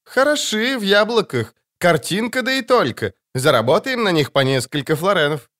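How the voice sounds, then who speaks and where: A man voicing a brash young female bandit who calls out orders loudly. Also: sits high, lively intonation, normal speed, voice pushed up. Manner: loud, bossy.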